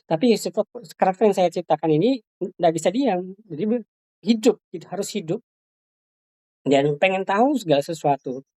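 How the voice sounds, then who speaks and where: Low, mellow-voiced woman workshop trainer. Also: animated, moderate pace, long pauses. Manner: explanatory, demonstrative, many fillers and restarts. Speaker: ventriloquism trainer for Sunday school teachers. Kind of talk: hands-on workshop instruction.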